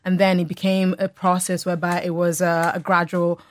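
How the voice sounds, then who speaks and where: A woman's voice: fairly low pitch, flat delivery, brisk, no echo. A woman giving a candid, plain-spoken personal account as a guest in a radio interview. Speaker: guest, technology developer.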